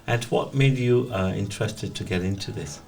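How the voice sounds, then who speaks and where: A man's voice: on the low side, normal speed, gravelly, darkish tone, recorded from a distance, soft background music. A man hosting a studio interview, asking questions and chiming in with short encouraging words. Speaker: podcast host.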